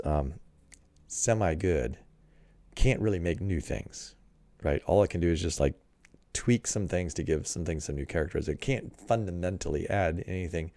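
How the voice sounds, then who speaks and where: A man's voice: low-pitched, normal speed, no echo. A man giving casual commentary as he reads and critiques an article, thinking aloud with fillers and frequent "right?" checks. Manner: drops into a quieter voice at points.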